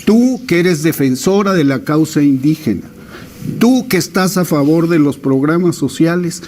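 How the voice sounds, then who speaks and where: A man's voice: a little high, expressive, normal speed, darkish tone. A man, a producer in a heated debate, firing off confrontational rhetorical questions. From Mexico.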